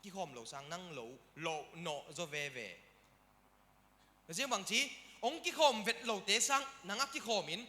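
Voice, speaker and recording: A male pastor preaching a lively sermon, calling out hallelujah as he speaks. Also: high voice, normal speed, in a large hall. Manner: animated preaching with frequent hallelujahs.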